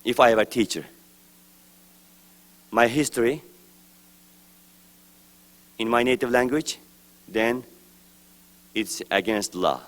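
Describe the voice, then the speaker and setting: At a press event, a man from East Turkestan gives a formal, prepared address in a mid-range voice. He speaks with slow, deliberate emphasis, letting each phrase fade out at its end.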